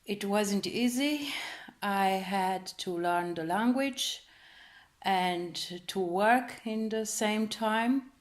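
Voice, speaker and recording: A woman gives a personal account in slow, careful English. She pauses often and searches for the right words. Her voice sits in a middle pitch. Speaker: interviewee. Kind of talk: personal testimony to camera.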